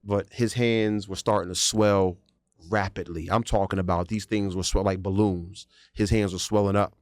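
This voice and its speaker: A man's voice: low voice, normal speed, no echo, clean studio sound. A man co-hosting a podcast, telling a story in a casual chat and acting out the voices and sounds in it. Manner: animated storyteller, acts out quotes and sound effects. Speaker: podcast co-host.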